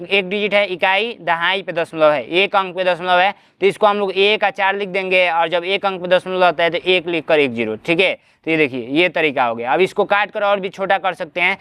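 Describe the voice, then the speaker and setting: A man teaching a maths lesson for exam prep, walking his students through each step and checking that they follow. His voice sits high and rings clear. The recording is dry and close. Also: a bit bright, dry recording. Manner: explains step by step, tag-question fillers.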